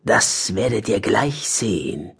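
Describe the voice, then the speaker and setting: A sly, self-satisfied male badger from a children's storybook, drawling low and hushed with a husky grain, as a man puts him on. He sounds pleased with his own cleverness. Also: very animated, takes it slowly, heavily acted. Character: sly cocky male badger gang leader.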